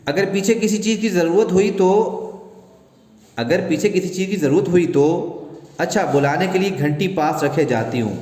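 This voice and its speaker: A man's voice: darkish tone, lightly acted. A man voicing a fussy, bossy middle-aged housewife who scolds and fusses, recorded in an echoey room. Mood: fussing. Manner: shrill, scolding, fussing. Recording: echoey room, long reverb.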